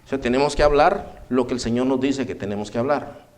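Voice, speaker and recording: A male preacher with a Guatemalan Spanish accent delivers a lively sermon. He tells stories and acts out quotes, and he keeps turning to his listeners as brethren. His voice sits at an ordinary middle pitch for a man. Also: brisk. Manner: lively storytelling with acted quotes, addresses "hermanos".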